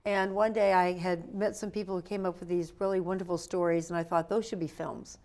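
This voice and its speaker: A woman guest in an interview, chatting in a playful, animated storytelling way. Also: fairly low pitch, brisk. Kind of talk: lively interview chat.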